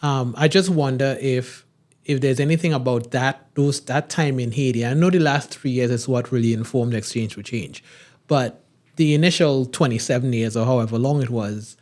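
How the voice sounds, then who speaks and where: A man from Trinidad hosts a podcast interview in a mid-range voice. He asks long, rambling questions with plenty of pauses and fillers. Between his questions he keeps up a stream of short acknowledgements. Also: medium pitch, darkish tone. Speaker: podcast host.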